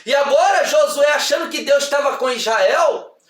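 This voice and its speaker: A man preaching a fiery sermon, shouting and repeating phrases for emphasis in a church hall. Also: very high-pitched, moderate pace. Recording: echoey hall, far from mic.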